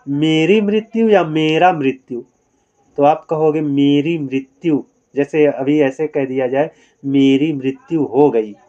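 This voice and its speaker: A man with a fairly high but mellow voice teaches grammar to exam students, asking rhetorical questions and tagging "है ना" onto his points. The sound is slightly dull and lo-fi. He mixes quiz answers with motivational advice. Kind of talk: online exam-prep lesson.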